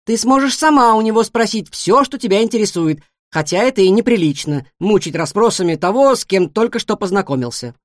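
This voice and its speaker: A woman's voice: medium pitch, brisk, hardly any pauses, no echo, studio quality, pitched above the performer's own voice, natural voice. A woman doing a firm, motherly she-cat. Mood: coaxing. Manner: calm and firm, bossy. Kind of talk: storybook reading.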